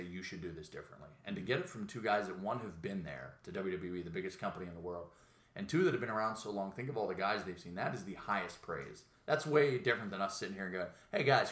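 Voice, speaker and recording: Brief: male podcast host, lower voice, bright forceful tone, rambling profane storyteller, echoey room. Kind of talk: casual podcast chat.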